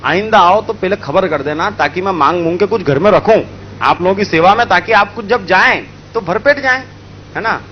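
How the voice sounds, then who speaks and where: A man voicing a generous old male monk in a told story, gently insistent and at times commanding. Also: high voice, expressive, normal speed, highs cut off, slight background noise. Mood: insistent kindly.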